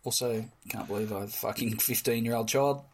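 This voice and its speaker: A middle-aged man with a Western Sydney Australian accent and a husky voice, bantering casually as a podcast co-host with plenty of swearing. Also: mid-range voice, steady tone, a little fast, noisy background.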